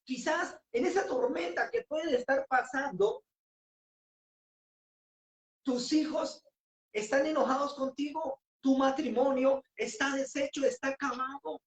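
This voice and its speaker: A woman preaching a sermon with passion, rising to shouts on key phrases. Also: high-pitched, steady tone, a little slow, roomy sound.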